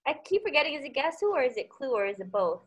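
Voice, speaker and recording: A woman's voice: high-pitched, sing-song, racing, a loud crowd. A woman co-hosting a casual podcast over a video call, giggly and exclamatory. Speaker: podcast co-host. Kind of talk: casual group chat.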